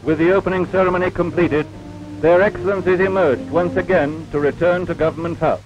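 A man narrates an old 1950s newsreel in a formal, measured way. His voice sits a little high and comes through a dull, lo-fi soundtrack. Clear music plays behind him. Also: steady tone. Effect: old 1950s newsreel recording.

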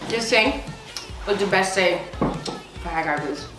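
A woman's voice: medium pitch, takes it slowly. A woman in her twenties, hungover, chatting casually and playfully in slang with bursts of exclamation while she eats on camera. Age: 20s. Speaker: singer-songwriter discussing own song. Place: indoor studio set with backdrop. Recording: echoey room, music behind.

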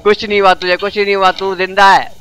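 A man giving excited let's-play commentary, coaxing and yelling at his game character, his throat dry from shouting. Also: high-pitched, quick pace, poor audio. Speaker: gaming video host.

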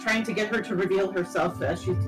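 Woman, middle pitch, casual game chat, hesitant, thinking aloud, clear music. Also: brisk. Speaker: player.

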